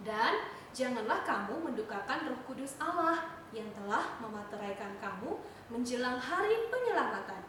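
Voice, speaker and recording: A young woman leading a Sunday school lesson for children, talking in an animated, sing-song way. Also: on the high side, normal speed, heavy reverb, recorded from a distance, background noise. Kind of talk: children's sermon.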